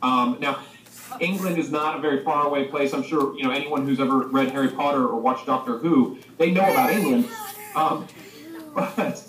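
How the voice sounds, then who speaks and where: Over a video call played into a school library, a children's author with a mid-range voice at normal speed enthusiastically addresses young listeners, presenting and reading his storybook. The sound is roomy and distant, with crowd noise.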